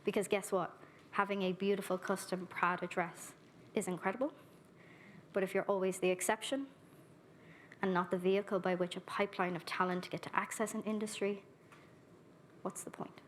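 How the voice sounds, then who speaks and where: A woman's voice: mid-range voice, little pitch movement, a little hiss or hum. A woman speaking earnestly at a conference, giving a keynote and then answering audience questions on a handheld microphone. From Ireland. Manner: earnest, warmly direct, brisk with lists. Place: conference hall.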